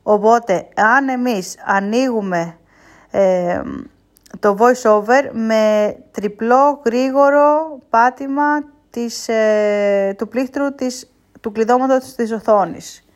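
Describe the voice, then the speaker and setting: A woman giving a casual spoken tutorial, explaining step by step and pausing often with hesitation sounds. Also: a little high. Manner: unhurried explaining with frequent hesitations. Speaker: instructor.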